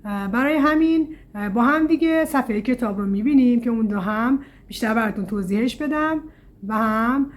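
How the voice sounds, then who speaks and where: A woman from Iran teaching Chinese pronunciation in a casual lesson, pausing often with "uh" and stretching example words out slowly. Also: a little high. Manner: explains slowly, with frequent "uh" fillers.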